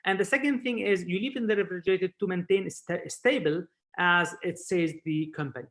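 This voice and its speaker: Giving an informal expert talk on a video webinar, a surgeon lecturer from Spain explains haltingly, his non-native English marked by repeated words. Heard through a video call, his voice is high and a bit bright.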